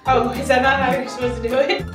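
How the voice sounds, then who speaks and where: A woman soccer player in a casual interview, easygoing and quick to laugh. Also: high-pitched, flat delivery. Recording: echoey distant mic with loud music.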